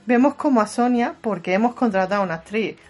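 A woman's voice: on the high side, quick pace, a little mellow, soft background music. A woman co-hosting a comedy show, narrating and improvising a telenovela parody in a playful, bawdy way. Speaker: comedy podcast co-host.

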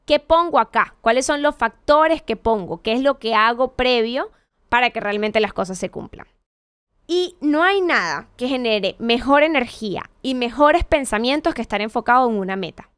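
Smooth-voiced woman giving a motivational talk. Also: a little high, expressive, moderate pace, a bit bright, no room sound, clean studio sound. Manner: conversational, many rhetorical questions and self-corrections. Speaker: motivational speaker.

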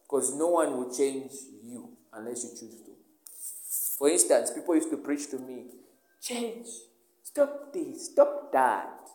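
A man's voice: medium pitch, mellow, a little hiss or hum. A man preaching a sermon, asking the listeners questions and answering them himself. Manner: emphatic call-and-response questioning. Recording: echoey room.

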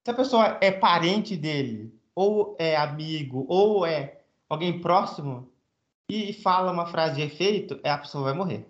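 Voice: medium pitch, lively intonation, measured pace. A speaker with a mid-range voice gives opinions about a film and explains at length. The room echoes. The sound is dull and lo-fi. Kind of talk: casual film discussion.

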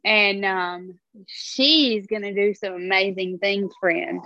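A woman's voice: medium pitch, fairly even intonation, takes it slowly, bright, forceful tone, no echo, lo-fi sound. A woman co-hosting a casual faith chat, affirming and encouraging her partner. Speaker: co-host of a faith show.

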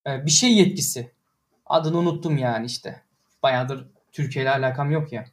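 A man's voice: mid-range voice, moderate pace. A young man ranting in casual slangy talk to his livestream viewers, exasperated.

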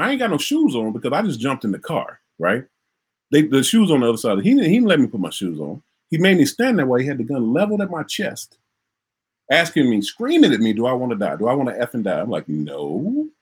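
A middle-aged man from Minnesota tells a personal story with real feeling. His voice is husky and sits a little high, and it rises and falls widely as he acts out the moments and repeats himself. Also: huge pitch swings, a little fast. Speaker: interviewee recounting a traffic stop.

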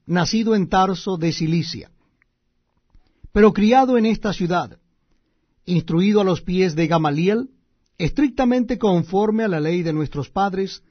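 A man's voice: sits high, no room sound. A man voicing the apostle Paul in a scripture reading, declaiming earnestly. The recording is dull and lo-fi. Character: apostle Paul, a man defending himself before a crowd.

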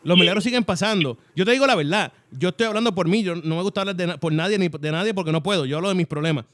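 A man from Puerto Rico with a Puerto Rican accent, hosting an animated, casual chat about faith and often asking for agreement. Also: sits high, rapid-fire.

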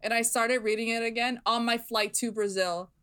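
Bright, laughing young woman host. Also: on the high side, fairly even intonation, normal speed, clear, resonant tone. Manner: gushing, laughs often, swears casually. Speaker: podcast host. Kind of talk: casual chat.

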